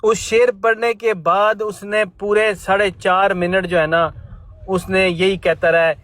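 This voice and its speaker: A man's voice: sits high, little pitch movement, fairly bright tone, no room sound. A man joining a casual panel discussion from his car while driving, rambling and repeating words as he tells a story. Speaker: panel guest.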